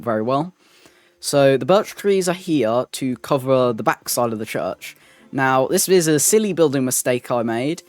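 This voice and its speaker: A man's voice: mid-range voice, dry recording. A man narrating a game build as a voice-over, rambling with lots of ums and restarts. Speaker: Minecraft builder and channel host. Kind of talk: gameplay voice-over commentary.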